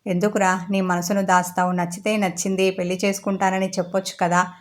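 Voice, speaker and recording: A woman reading the part of a loving middle-aged mother in a story, gently coaxing and teasing her son. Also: on the low side, level tone, a little fast, close to an everyday voice. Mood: tender.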